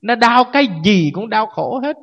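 Lively monk preaching. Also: male voice, very high voice, normal speed, vocal fry. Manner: animated, questioning the audience, acts out wailing. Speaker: Buddhist monk teacher. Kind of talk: dharma sermon. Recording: echoey hall, dull lo-fi sound.

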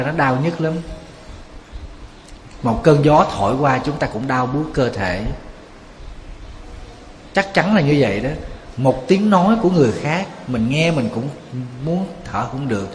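A monk gives a conversational sermon at a mid pitch, often quizzing his audience. His voice reverberates through a large temple hall, with a faint hum of ambience behind. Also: lively intonation, a little slow, long pauses. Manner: conversational, asks the audience rhetorical questions. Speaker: Buddhist monk. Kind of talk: Buddhist sermon.

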